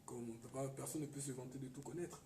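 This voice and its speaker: A mellow, mid-range voice belongs to an Ivorian radio guest who speaks quickly with fairly even intonation. Chatting casually, he's hesitant, repeats words and occasionally emphasizes things. His voice comes from a distance in an echoey room with faint noise.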